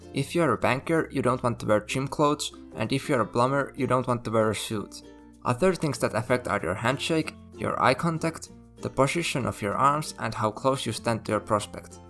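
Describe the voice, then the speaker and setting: A man who hosts the channel, giving a scripted narration and walking through numbered points at a steady explanatory pace. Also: medium pitch. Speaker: channel host. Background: faint background music.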